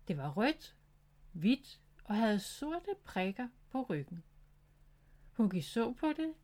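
A woman narrating a children's story in a gentle, clear reading voice. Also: medium pitch.

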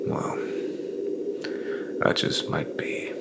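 In a dark fantasy audio drama, a male actor plays a grim, remorseless bounty hunter and war veteran making a confession. He speaks extremely slowly in a breathy, half-whispered rasp with a brooding, folksy drawl, sounding cold and menacing.

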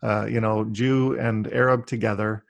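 A male interview host with a gravelly, fry-edged voice, recorded dry and close. He rambles warmly through his questions, with lots of fillers and restarts. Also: lowish voice, little pitch movement, normal speed, dry recording. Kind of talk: casual interview conversation.

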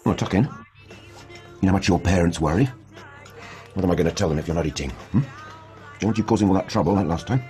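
A man's voice: low voice, fast talker, long pauses, mellow, natural voice. An actor playing a controlling husband who belittles and gaslights his wife in a radio drama. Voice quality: coaxing, belittling manner. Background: faint music.

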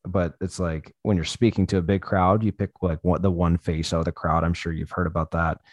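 A man's voice: deep voice, little pitch movement, brisk, dry recording. A man telling stories in casual chat, loose and profane, laughing often as he talks.

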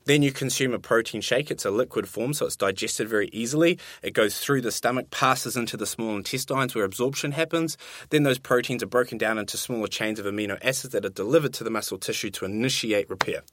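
A man's voice: mid-range voice, quick pace, fairly bright tone, dry recording. A man talking casually as a nutrition expert on a podcast, plain-spoken and informal, explaining things in simple terms.

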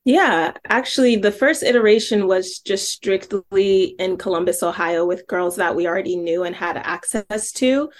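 A woman's voice: medium pitch, normal speed, hardly any pauses. A woman from Nigeria, a filmmaker guest, chatting casually and telling a story with many asides.

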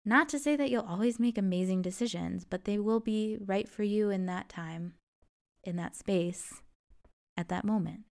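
A young adult woman hosts a reflective solo podcast, speaking in an earnest, encouraging way. Her gravelly voice is mid-range, at a normal speed.

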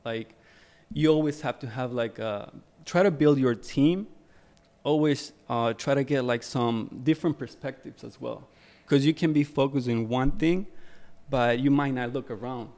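A young Ecuadorian man, appearing as a guest on a podcast, chats casually about his career in photography. His mid-range voice is unhurried and slightly mellow, and his talk is full of fillers and repeated words.

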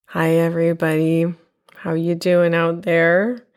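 A woman hosting her own podcast from home, talking in a reflective, unhurried way with a nasal voice from a cold. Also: on the low side, little pitch movement, soft background music. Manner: reflective, unhurried, with fillers and soft laughs. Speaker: podcast host and teacher. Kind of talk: personal podcast monologue. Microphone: home podcast mic.

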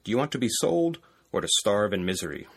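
A man's voice: lowish voice, very animated, fast, gravelly, a bit bright, slight background noise, heavily acted. A man voicing a rustic male farmer in a plain declamatory reading of an ancient comedy. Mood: declaiming. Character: rustic male farmer from Megara, greeting the market.

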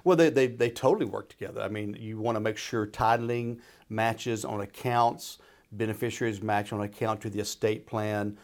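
A man with a fairly low voice explains as an advisor on a radio show. He talks informally and folksily, checking that the listener follows. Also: steady tone, normal speed, darkish tone. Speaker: retirement planner and radio show expert. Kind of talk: conversational explaining.

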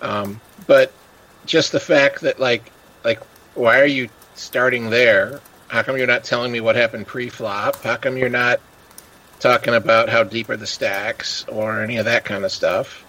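A man's voice: mid-range voice, fairly even intonation, unhurried, bright, forceful tone, poor audio. A man chatting casually as a podcast host, telling stories and acting out the people he quotes. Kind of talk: casual chat.

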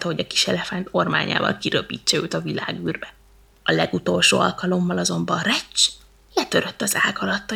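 A woman reading a children's bedtime story with lively, playful narration. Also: on the low side, creaky, husky.

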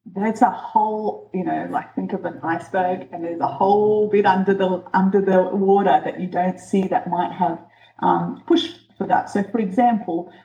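A woman born in Egypt and raised in New Zealand and Australia, speaking as an interview guest and explaining her ideas in a measured way. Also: medium pitch, fairly even intonation, dark tone, lo-fi sound. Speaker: guest, change expert. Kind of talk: casual interview. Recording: roomy echo.

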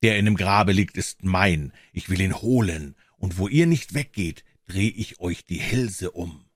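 A man voicing a threatening male devil in a fairy tale, gruff and commanding. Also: deep voice, animated, a little slow, dry recording, heavily acted. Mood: menacing. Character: menacing male devil, threatening then sly.

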